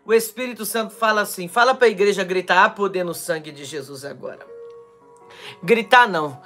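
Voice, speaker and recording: A Brazilian pastor preaching a charismatic live-stream sermon with prophecy, fervent and shouting, then dropping to quiet asides, his throat strained from shouting. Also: high voice, fairly quick, soft background music. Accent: Brazilian Portuguese. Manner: fervent, shouting, swings between loud cries and quiet asides.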